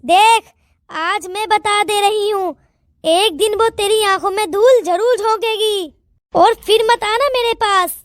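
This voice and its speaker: A woman voicing a sharp-tongued, suspicious old grandmother in a cartoon, talking in a scolding, taunting way. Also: very high voice, takes it slowly, dry recording, studio quality.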